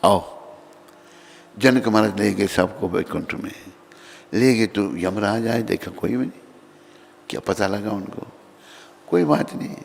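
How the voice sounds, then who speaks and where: A male swami preacher telling devotional stories in an animated sermon, acting out the characters, in a reverberant temple hall. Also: lowish voice, measured pace, creaky, long pauses, slight background noise. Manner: animated, acts out characters' voices.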